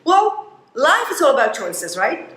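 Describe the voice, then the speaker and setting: A woman from Romania, giving a motivational talk in an emphatic, expressive storytelling manner. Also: high voice, measured pace, roomy sound, low-quality recording. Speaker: motivational speaker.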